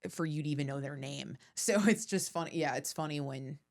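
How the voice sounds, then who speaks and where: A woman's voice: deep voice, steady tone, a little fast. A woman in her thirties, a comedian guest on a podcast, talking casually and animatedly and swearing freely. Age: 30s.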